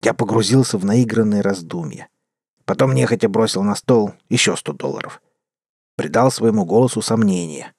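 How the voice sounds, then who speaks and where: A man narrating a story in a measured, wry manner as an audiobook. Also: fairly low pitch, lively intonation, a little mellow, husky, no room sound, studio quality.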